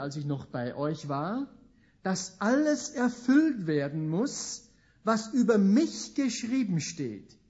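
Slow, dark-voiced German-speaking preacher man. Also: a little high. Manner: emphatic, swinging between slow stressed words and quick asides; asks the listeners rhetorical questions. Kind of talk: sermon. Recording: dull lo-fi recording.

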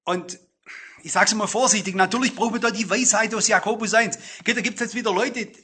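High bright husky male preacher. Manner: addresses listeners directly, emphatic with slow stressed phrases. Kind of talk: sermon.

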